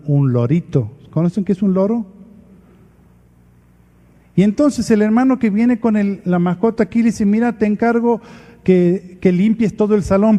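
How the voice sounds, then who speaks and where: A man's voice: high voice, mellow. A man preaching a sermon at a conference, emphatic, acting out quoted dialogue in his examples. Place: large conference hall at a retreat. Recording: long hall reverb.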